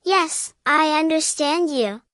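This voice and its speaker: An English teacher narrator with a distinctly high, fairly bright voice reads a beginner language drill. She goes slowly and carefully, saying each short, evenly measured phrase twice. The recording is dry, with no room echo.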